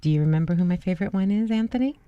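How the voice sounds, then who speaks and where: A woman's voice: medium pitch, racing, smooth, no room sound, lo-fi sound. A woman co-hosting a radio talk show, chatting in a bubbly, gushing way. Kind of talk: casual chat.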